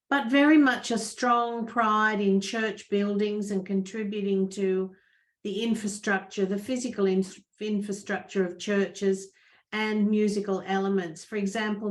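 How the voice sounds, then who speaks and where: Slow, measured woman. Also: medium pitch. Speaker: church member and mother. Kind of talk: prepared family talk.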